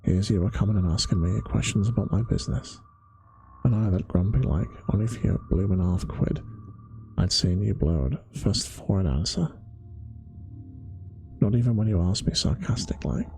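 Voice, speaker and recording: A man putting on a gruff old London zookeeper. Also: fairly low pitch, a little mellow, soft background music. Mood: grumbling. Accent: London working-class (put on). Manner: rough dialect, slow folksy telling. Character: gruff old male zookeeper, grumbling, blunt. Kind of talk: bedtime-story ASMR reading.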